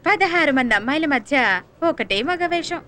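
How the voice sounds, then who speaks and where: An actress playing a brisk, commanding female dance teacher at a college in a film comedy. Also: high-pitched, expressive, heavy background noise. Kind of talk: comic film acting.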